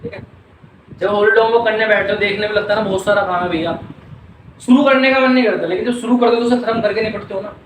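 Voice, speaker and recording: A man's voice: high voice, fairly even intonation, fast, reverberant, recorded from a distance, slight background noise, low-quality recording. A man with an Indian accent teaching an English class, mixing Hindi and English, drilling words and questioning his students.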